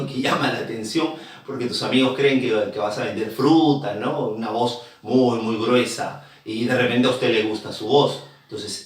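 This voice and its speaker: A man teaching a psychology class, explaining with everyday examples and constant rhetorical check-ins. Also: medium pitch. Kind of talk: classroom lecture. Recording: very echoey room, distant mic.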